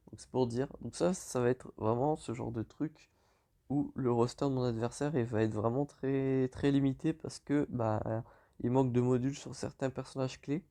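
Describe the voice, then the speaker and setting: A French-accented man talks through a game in an easygoing, hesitant way. His voice is dark and mellow with a gravelly edge. He stops to correct himself often. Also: medium pitch. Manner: relaxed, lots of hesitations and self-corrections. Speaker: gaming YouTuber. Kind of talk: casual game commentary over screen.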